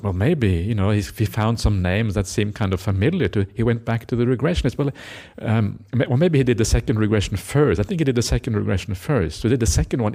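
A middle-aged man from Norway, a Buddhist monk giving a reflective Dhamma talk, often ending his points with a questioning "eh?". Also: fairly low pitch. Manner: reflective, tags lines with a questioning "eh?"; gentle laughter, hesitant fillers.

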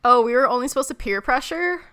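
A woman's voice: sits high, lively intonation, fast, pushed and bright. A woman co-hosting a podcast in casual, slangy banter with some swearing. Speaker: podcast co-host.

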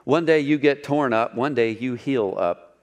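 A man's voice: medium pitch, unhurried. A man preaching a sermon in a conversational way, with asides to the congregation and rhetorical questions. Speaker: pastor.

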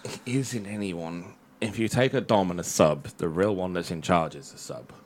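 A man's voice: deep voice, normal speed. A man co-hosting a podcast, blunt and cheeky in casual argument. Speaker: podcast co-host. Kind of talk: casual chat.

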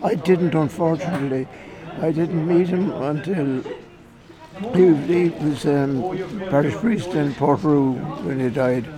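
A man telling a family story in an informal interview, with a hesitant, halting delivery. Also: a little high, rough recording. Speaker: event attendee being interviewed. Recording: crowd chatter behind the voice. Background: crowd chatter.

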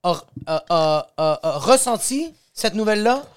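A podcast co-host who banters in an excitable, teasing, slangy way. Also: mid-range voice, a little slow, clean tone. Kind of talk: casual comedic banter.

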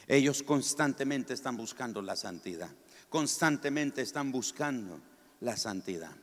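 A man preaching a sermon in a large church, stressing his points by repeating them in slow, drawn-out phrases. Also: medium pitch. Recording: long hall reverb.

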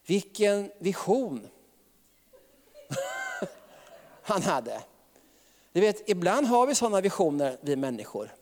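Male preacher, slightly high voice, chatty sermon full of chuckles, long reverb. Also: huge pitch swings, long pauses, background noise. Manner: chatty, laughs often, tag questions.

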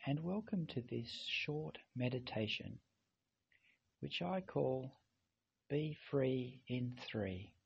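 Slow, gravelly-voiced man guiding meditation. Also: mid-range voice, highs cut off. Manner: calm, gentle, unhurried delivery with long pauses. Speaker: meditation guide. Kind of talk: guided meditation narration.

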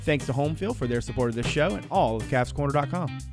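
A man's voice: medium pitch, lively intonation, fast, over music. A man hosting a podcast, reading a scripted promotional message for a sponsor.

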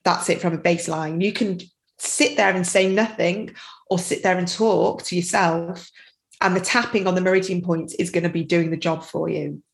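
A woman's voice: fairly low pitch, fairly even intonation, normal speed, creaky, poor audio. A middle-aged woman speaking as a podcast guest, chatty and rambling, with many "you know"s. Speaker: guest, tapping practitioner and parent. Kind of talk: casual podcast interview.

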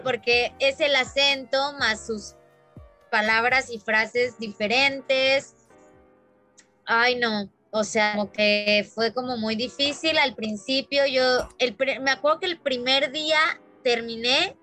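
A Mexican woman guest telling stories in a casual chat, animated and full of fillers. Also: high voice. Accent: Mexican Spanish. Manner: animated storyteller, many fillers.

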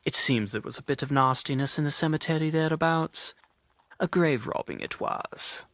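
A man playing a stiff, wry Victorian police inspector in an audio drama, husky, officious and dryly courteous. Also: on the high side, normal speed, fairly bright tone, no echo. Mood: matter-of-fact.

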